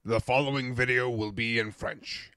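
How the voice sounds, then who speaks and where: A man voicing a noble male robot leader, speaking with slow, solemn command. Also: mid-range voice, fairly even intonation, sharp tone, dry recording, studio quality.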